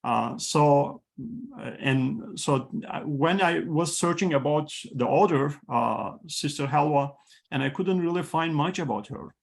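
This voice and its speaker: An institute president whose first language is Turkish hosts an online talk over a video call. His voice sits on the high side and is gravelly, and he speaks haltingly with many fillers and restarts.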